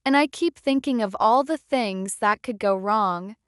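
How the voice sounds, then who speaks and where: Smooth-voiced woman reading simple examples. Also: medium pitch, unhurried, no echo, clean studio sound. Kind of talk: slow read-aloud example sentences.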